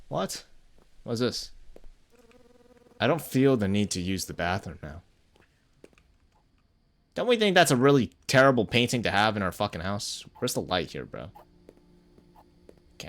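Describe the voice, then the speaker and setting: Streamer guy, animated sing-song voice, curses, greets chat while gaming. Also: on the low side, gravelly. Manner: chatty, cursing, greets chat between reactions. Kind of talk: live game stream commentary.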